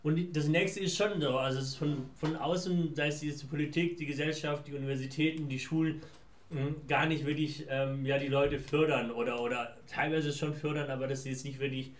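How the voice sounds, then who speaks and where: A man's voice: on the high side, steady tone, brisk. A man from Afghanistan, a founder answering interview questions in long, winding, reflective sentences. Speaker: guest, founder. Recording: roomy echo.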